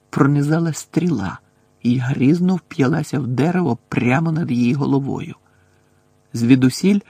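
A man's voice: a little high, mellow, husky, no room sound. A man narrating an audiobook expressively and voicing every character.

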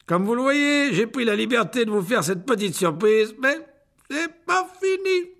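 A gushing, showy wizard teacher. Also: male voice, extremely high pitch, big pitch swings, moderate pace, gravelly, fairly bright tone, voice pushed up, heavily acted. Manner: theatrical, exclaiming, laughing at own jokes.

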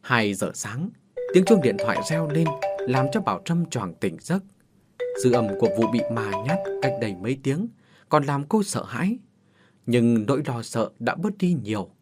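A man's voice: mid-range voice, very animated, normal speed. A man narrating a horror story in a dramatic, suspenseful scripted manner. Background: faint music.

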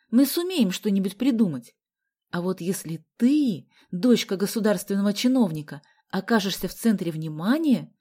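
A woman reading an audiobook aloud, voicing a calm, persuasive teenage boy. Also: a little high, pitched above the performer's own voice. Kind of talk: audiobook character voice.

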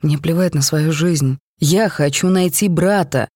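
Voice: mid-range voice, unhurried, a little mellow, no room sound, studio quality, lightly acted. A reader voicing Edward, a furious young man. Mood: angry. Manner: outbursts of anger. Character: angry young man desperate to find his twin.

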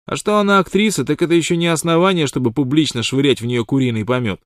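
A brash, excitable prospector sidekick blusters in a high, loud voice, full of mock outrage, as a male audiobook narrator puts him on. The sound is close and dry. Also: quick pace, dry recording, natural voice. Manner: loud, indignant, mocking. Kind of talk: audiobook character voice.

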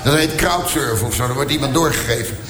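A man's voice: mid-range voice, fast talker. A man doing live stand-up storytelling, rambling with stammered repeats and crude punchlines. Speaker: stand-up comedian. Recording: echoey hall, loud audience laughter.

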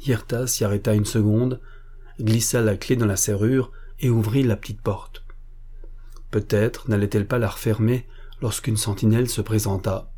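A man reading an adventure novel aloud as an audiobook, in a measured, even narration. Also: lowish voice.

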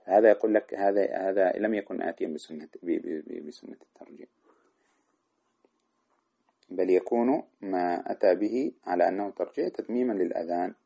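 A man's voice: low voice, fairly quick, creaky, dark tone, husky. A man teaching Islamic jurisprudence, reading a classical text aloud and then explaining it in plain talk. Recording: dull lo-fi recording.

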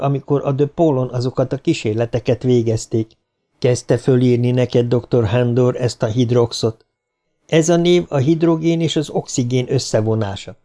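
A man reading a smug, quietly threatening middle-aged pharmacist in an audiobook, calm and self-satisfied. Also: mid-range voice, lightly acted.

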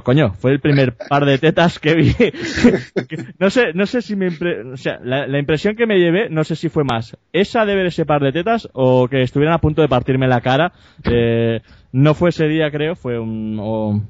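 Un hombre con acento de España que cuenta una anécdota en tono de charla informal, divagando, corrigiéndose a sí mismo y soltando tacos. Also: male voice, mid-range voice, lively intonation, moderate pace, a little mellow, no room sound. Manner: rambling, self-correcting, jokey and crude. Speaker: podcast host telling an anecdote. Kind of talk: casual storytelling chat. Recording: dull, dry lo-fi podcast audio.

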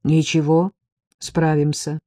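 Lady doing a cool stubborn young heroine, short firm answers, mellow voice. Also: sits low, little pitch movement, slow pace, no echo, clean studio sound. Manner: patient, curt, firm.

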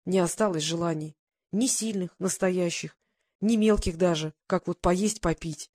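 A reader voicing a weary, broken-hearted man back from prison, talking in a halting, low, self-pitying way in an audiobook. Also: darkish tone, no echo, clean studio sound, lightly acted.

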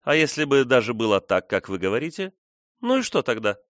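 A man's voice: medium pitch, sing-song, brisk, fairly bright tone, dry recording, clean studio sound, voice pushed up. A man reading the part of a spirited young woman in an audiobook, teasing and defiant. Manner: teasing, challenging.

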